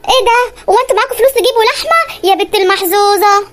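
A prying, meddling Egyptian housewife neighbor in a comic cartoon, voiced by a woman. Her voice is squeaky and very high, and she chatters at a breakneck clip. She speaks with an Egyptian Arabic accent. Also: racing, fairly bright tone, a little hiss or hum. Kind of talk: cartoon comedy voice acting.

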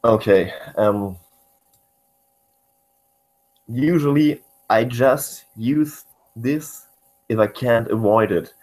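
A man's voice: medium pitch, takes it slowly, darkish tone, poor audio. A man from East Germany with a German accent, answering interview questions hesitantly and searching for words in English.

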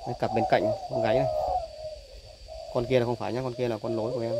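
Guy chatting thru his bird cages on his phone, average pitch, super noisy coo-ing doves all over it. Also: level tone, quick pace. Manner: chatty, repeats "đấy" between points. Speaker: dove breeder selling birds. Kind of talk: casual phone video tour. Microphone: phone held while filming. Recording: loud bird noise on phone audio. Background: doves cooing loudly.

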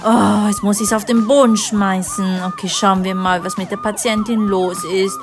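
A woman voicing a relaxed, blunt male doctor in a kids' animated story. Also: mid-range voice, moderate pace, pitched below the performer's own voice, close to an everyday voice. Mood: offhand. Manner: casual, dismissive.

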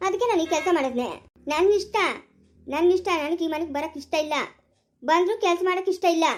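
A woman plays a squeaky, fast-talking village wife who scolds, with a slightly mellow quality. In this village family skit, the actor portrays a quarrelsome, sharp-tongued woman, complaining and bickering as she scolds.

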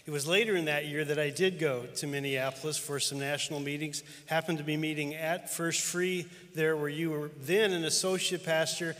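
A middle-aged man speaks with earnest reverence as he recounts years of shared ministry. His voice sits a little high. A long reverb trails each phrase through a big church auditorium. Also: steady tone, moderate pace, hardly any pauses, fairly bright tone. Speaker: denominational superintendent. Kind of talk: heartfelt tribute speech. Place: large church auditorium with live audience.

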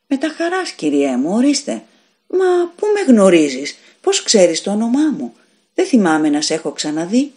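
A woman's voice: mid-range voice, very animated, mellow, lightly acted. A woman reading a fairy tale aloud, voicing an innocent, curious little village girl who asks eager, wondering questions.

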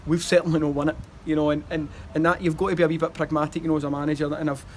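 A Scottish man in his thirties, a football manager, gives a post-match interview outdoors beside a stadium wall. His voice sits on the high side with a level tone, and he races through rambling runs full of fillers and restarts. There's slight background noise.

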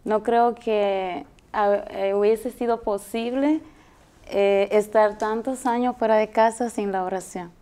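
A woman's voice: mid-range voice, slow, smooth. Earnest woman telling her testimony. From Dominican Republic. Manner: earnest, animated storytelling with hesitations. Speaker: guest. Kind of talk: TV interview testimony. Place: TV studio set, indoors. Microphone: lapel mic.

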